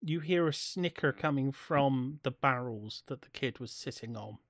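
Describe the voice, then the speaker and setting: A man's voice: mid-range voice, normal speed, fairly bright tone, dry recording. A man working as game master, casually narrating a tabletop game.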